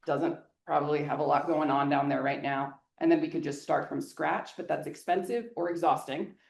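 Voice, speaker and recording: A woman landscape designer giving an energetic, joking talk at a neighborhood meeting, then answering audience questions. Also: low voice, vocal fry. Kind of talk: public presentation with audience Q&A. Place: meeting hall. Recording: echoey hall.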